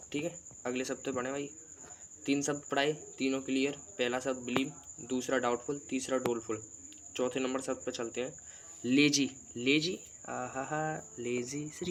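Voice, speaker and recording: A man's voice: medium pitch, fairly bright tone, a little hiss or hum. A man teaching an exam-prep vocabulary lesson, chatty and teasing as he rattles off lists of synonyms.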